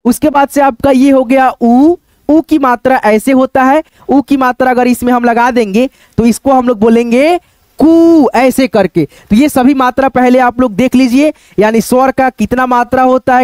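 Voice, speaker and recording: A man's voice: very high-pitched, fairly even intonation, moderate pace, darkish tone, smooth, no room sound. A man teaching the script in a repetitive, patient way, often asking his viewers check questions. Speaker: online Hindi teacher. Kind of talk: teaching at a board, explaining step by step.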